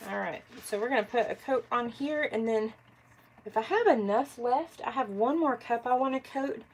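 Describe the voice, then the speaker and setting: A woman's voice: a little high, moderate pace, slightly rough, low-quality recording. A woman chatting casually during a live craft stream, congested from allergies, thinking aloud and answering viewers by name. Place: home craft workspace.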